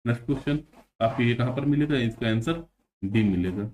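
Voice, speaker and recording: A man's voice: medium pitch, a little mellow. Male teacher, exam-prep spelling lesson, patient and repetitive, drags words out syllable by syllable. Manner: explains patiently, repeats words slowly.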